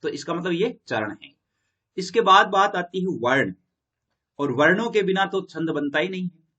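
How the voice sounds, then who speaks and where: A man's voice: high voice, lively intonation, normal speed, pushed and bright, muffled recording. A male lecturer teaching a classroom lesson, repeating key points and quizzing his listeners. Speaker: Hindi literature lecturer.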